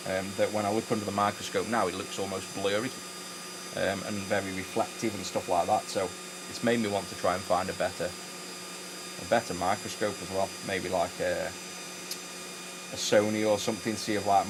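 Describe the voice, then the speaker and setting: A man's voice: on the low side, noisy background. A man chatting casually while repairing electronics, rambling with many fillers and restarts. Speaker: electronics repair channel host. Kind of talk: casual chat while working.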